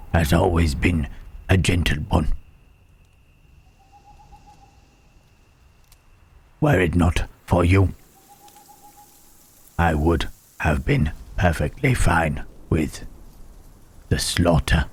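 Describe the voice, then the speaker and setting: A man playing Frankenstein's monster in an ASMR roleplay, a gentle, melancholy reanimated creature who speaks in a hushed, halting, formal way. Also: deep voice, breathy edge, full character voice. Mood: tender, earnest.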